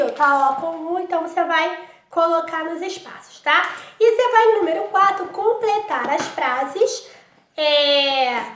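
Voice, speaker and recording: A woman's voice: very high voice, a bit bright. A woman with a Brazilian Portuguese accent, a primary school teacher recording a workbook lesson, speaking patiently and directly to a young child and using lots of little diminutive words. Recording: roomy echo.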